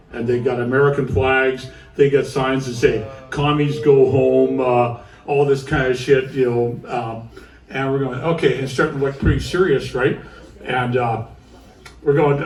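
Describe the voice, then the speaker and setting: A man performing live in a music club, telling a long, profane story between songs, full of asides and "right?" tags. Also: mid-range voice. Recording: roomy live club audio, from far off.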